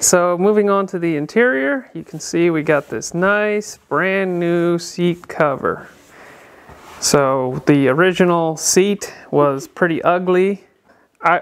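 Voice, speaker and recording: In an indoor workshop, a car builder who hosts a channel gives a casual walkthrough of a vehicle build, filming on a handheld camera that also captures his audio. His voice is fairly high, clear, and resonant, and he explains things in a relaxed way with lots of filler sounds.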